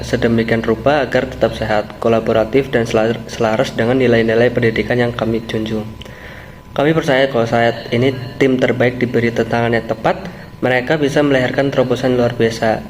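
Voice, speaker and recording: Flat-voiced young man, hesitant. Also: mid-range voice, slight background noise. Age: young adult. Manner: hesitant, full of fillers and restarts. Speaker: company boss leading a meeting. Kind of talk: amateur role-play meeting.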